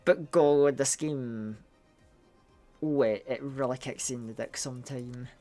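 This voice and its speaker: Excitable Scottish game streamer. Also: medium pitch, measured pace, soft background music. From Scotland. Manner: excitable, swears freely, stumbles and repeats words. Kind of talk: casual live-stream chat while playing.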